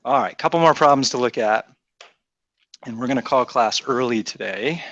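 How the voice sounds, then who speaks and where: A man's voice: medium pitch, normal speed, fairly bright tone, dry recording, dull audio. A man from Rhode Island with a faint accent, teaching a math class in a chatty, teasing way and thinking aloud. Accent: faint Rhode Island, mostly softened. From Rhode Island, USA. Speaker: math instructor. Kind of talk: classroom lecture.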